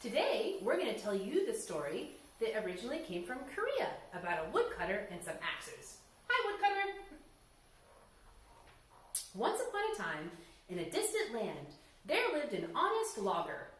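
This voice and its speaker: A woman hosting a children's story time narrates a storybook tale, very expressive and tossing playful asides to her listeners. Her voice is a little high and her pace moderate. The room sounds very echoey, with slight background noise.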